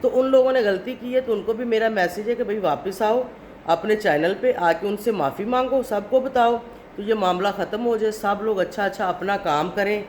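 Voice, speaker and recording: A woman's voice: mid-range voice, darkish tone, slight background noise. Indignant woman lecturing her viewers. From Pakistan. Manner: indignant, lecturing, keeps adding "okay?". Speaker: family vlogger. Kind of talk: to-camera vlog monologue.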